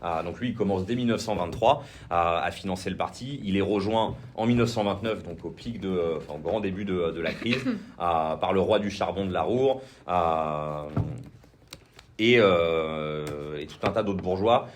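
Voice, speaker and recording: A man's voice: low-pitched, normal speed, a little hiss or hum. A man with a French accent giving an informal political training talk, hesitant, with many fillers and restarts. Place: indoor training session room.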